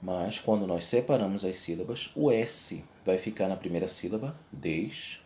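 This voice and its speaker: Male teacher, lowish voice, step-by-step explaining, faint hum behind. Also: expressive, normal speed, darkish tone. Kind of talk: video lesson.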